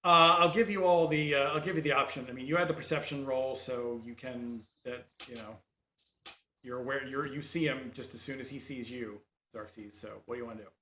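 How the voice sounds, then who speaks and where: Male game master, mid-pitched, halting delivery with restarts, echoey room. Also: fairly even intonation, sharp tone, slight background noise. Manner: halting, full of fillers and restarts. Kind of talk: running a tabletop game over voice chat.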